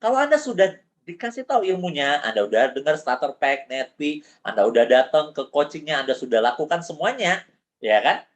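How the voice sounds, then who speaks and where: A man who works as a business coach, giving an animated motivational training talk over a video call, full of rhetorical questions. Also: on the high side, a little fast. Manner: animated, rhetorical questions, mixes in English phrases.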